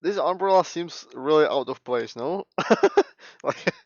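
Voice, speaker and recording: A man's voice: on the high side, lively intonation, measured pace, no room sound. A male streamer giving casual, sweary, emphatic and repetitive reactions to a video. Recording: dull, dry lo-fi stream mic.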